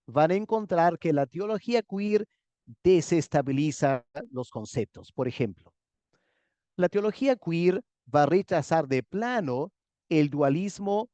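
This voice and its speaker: A pastor giving a structured theology lecture, a man who talks in measured steps, repeats key words and checks in with his listeners. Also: a little high, darkish tone, no room sound. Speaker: pastor lecturing a master class.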